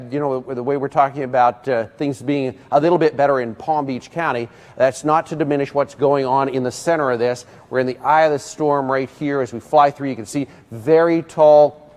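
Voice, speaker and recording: An American man with a mid-pitched voice talks through live weather as a TV meteorologist. He improvises as he goes, breaking his phrases with frequent hesitations and pauses. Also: a little mellow. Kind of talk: live ad-libbed weather commentary.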